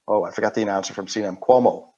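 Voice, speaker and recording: A man's voice: on the low side, fairly even intonation, warm tone, breathy edge. Older man with a thick-voweled Queens accent. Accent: Queens, New York. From Queens, New York. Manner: halting, digressive explaining. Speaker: interview guest. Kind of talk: informal technical explanation. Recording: dull, band-limited audio.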